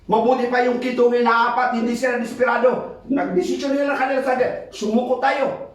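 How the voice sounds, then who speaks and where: A man preaching a sermon, switching between Tagalog and English and reading scripture aloud, emphatic and swinging between quick urging and slow drawn-out phrases. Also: very high voice. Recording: very echoey hall, mic far off.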